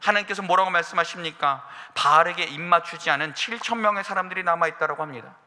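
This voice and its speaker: A man preaching a Sunday sermon as pastor, earnest, sometimes speaking God's words to his listeners in a gentle, direct way. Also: a little high, quick pace. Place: church sanctuary. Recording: reverberant church sanctuary.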